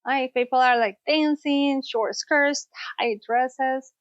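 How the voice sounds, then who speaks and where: Higher female voice from Costa Rica, therapist guest, dry muffled podcast sound. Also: steady tone, takes it slowly, no room sound. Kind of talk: podcast interview. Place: studio, in person.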